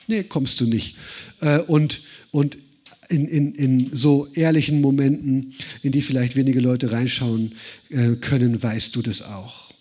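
A man's voice: mid-range voice, a little mellow, husky. A middle-aged man preaching a sermon in German, addressing the listener directly with rhetorical questions.

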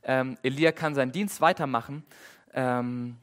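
A man preaching a sermon in a casual, lively way, with dramatic retellings and repeated phrases. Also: mid-range voice, measured pace, clean tone.

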